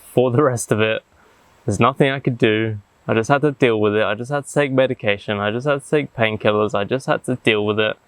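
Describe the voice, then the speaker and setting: A man speaking reflectively and haltingly, with deliberate pauses, as he vlogs outdoors in the jungle. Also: medium pitch, fairly bright tone, clean tone, no room sound, poor audio. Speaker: vlogger. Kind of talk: reflective talk to camera.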